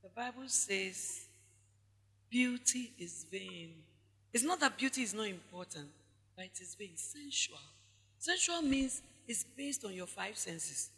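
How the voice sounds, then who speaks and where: A woman's voice: mid-range voice, expressive, unhurried, a bit bright, slightly rough, long reverb tail. A woman pastor with a Ghanaian accent preaching a sermon, stressing her points by repeating them and speaking straight to the congregation. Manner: emphatic preaching with repetition and asides to the congregation.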